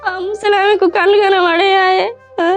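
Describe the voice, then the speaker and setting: A woman's voice: very high-pitched, level tone, moderate pace. A woman playing a weeping old grandmother. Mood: tearful lament. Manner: lamenting, pleading. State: crying. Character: grieving old grandmother missing her granddaughter.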